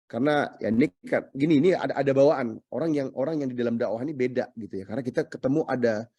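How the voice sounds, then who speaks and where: A man with a mellow, slightly husky voice delivers an emphatic sermon, repeating phrases for weight and dropping English phrases in along the way. The sound is dry and close. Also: mid-range voice, quick pace, no room sound. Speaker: preacher.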